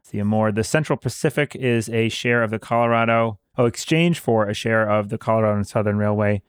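A man hosting a casual board game discussion, explaining details at an easy pace and pausing with fillers as he recalls them. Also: on the low side, clear, resonant tone, dry recording, studio quality.

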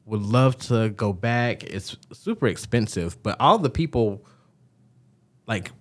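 A young Georgia man with a Southern American accent co-hosts a podcast, chatting casually and spinning stories. His lowish voice is animated but unhurried, sprinkled with frequent "likes" and "ums."

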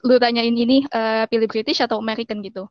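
A woman's voice: on the high side, little pitch movement, fast talker, no echo. A young woman in casual chat, often switching into English phrases while she explains. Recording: dull, slightly muffled audio.

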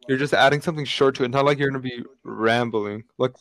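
A man's voice: medium pitch, quick pace, poor audio. A young man co-hosting a podcast, telling a casual story full of fillers. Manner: storytelling, animated with lots of fillers. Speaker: podcast co-host. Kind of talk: casual chat.

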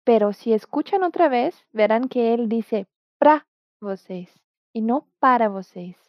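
Slow, patient woman teacher. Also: on the high side, lively intonation, no room sound. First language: Portuguese. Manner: patient, models words slowly for the learner to repeat. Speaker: Portuguese teacher. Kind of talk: language lesson. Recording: dull, dry, lo-fi sound.

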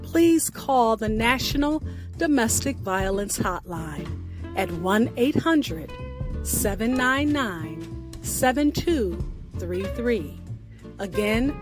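A woman with a fairly high-pitched voice hosts a radio show. She speaks deliberately and emphatically, using dramatic pauses like someone performing scripted spoken word.

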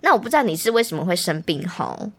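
Female podcast co-host, voice still phlegmy after a recent illness, playful teasing, wide bouncy pitch. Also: big pitch swings, fast talker, fairly bright tone, breathy edge. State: recovering from losing her voice, phlegmy. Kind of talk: casual chat.

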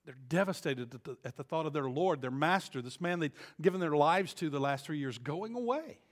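A man delivers a sermon in a fairly high voice, dropping to near-hushed reflection and then climbing to loud, emphatic peaks. He repeats words and restarts as he drives each point home. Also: lively intonation, a little fast. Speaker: pastor.

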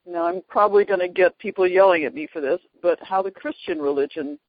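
An interview host in casual chat, reacting with effusive praise and eager questions at a middling pitch. The sound is dry and close, with no room around it. The audio is dull and lo-fi. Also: sing-song, a little fast, vocal fry, no room sound.

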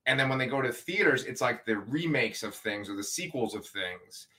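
A man's voice: medium pitch, lively intonation, normal speed, sharp tone. A man hosting a casual review podcast, talking in an upbeat, rambling, emphatic way. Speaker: podcast host.

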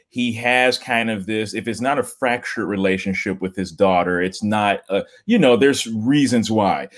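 A man co-hosting a casual movie review podcast, talking in a relaxed, joking way with drawn-out phrasing. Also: lowish voice. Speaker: podcast co-host.

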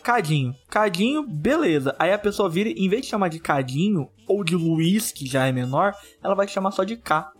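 A man's voice: high-pitched, lively intonation, normal speed, hardly any pauses, husky, faint music behind. A man co-hosting a podcast, chatting casually and teasing his friends, often laughing as he talks. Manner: teasing, laughs while talking. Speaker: podcast co-host. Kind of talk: casual group chat.

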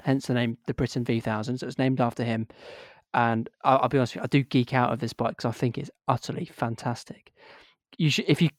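Male co-host, enthusiastic and rambling, dry close sound, mid pitch. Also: dry recording. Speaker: podcast co-host. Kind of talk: casual chat.

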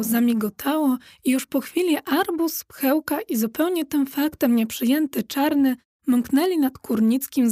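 A woman narrating a children's audiobook with lively, expressive storytelling. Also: high voice, no room sound, studio quality.

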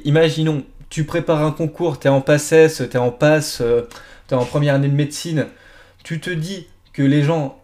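A man's voice: a little high, a little mellow. A young man hosting a solo podcast, talking casually to the listener with many fillers and restarts. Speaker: podcast host.

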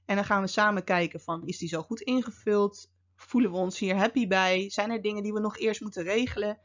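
Woman podcast host chatting, lots of uhs, mid-pitched voice, kinda dull lo-fi audio. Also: steady tone, brisk. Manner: conversational, frequent fillers, wry asides. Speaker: podcast host and security officer. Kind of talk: casual explanatory podcast talk.

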